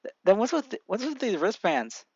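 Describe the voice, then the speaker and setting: Man playing a curious teen, questioning, gravelly, muffled. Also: sits high, sing-song, fairly quick, no echo, pitched above the performer's own voice, full character voice.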